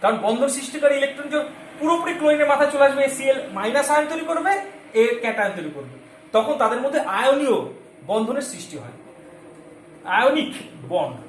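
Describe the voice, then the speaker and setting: A male chemistry teacher giving a lesson, constantly quizzing his students and repeating key terms slowly so they stick. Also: very high voice, expressive, a little hiss or hum. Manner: keeps asking the class questions and checking they follow. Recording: echoey room with faint ambience.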